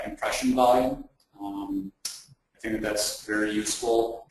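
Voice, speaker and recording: A man speaking as a panelist on a video call, thoughtful and measured. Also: mid-range voice. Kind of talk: expert discussion. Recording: very echoey, distant mic.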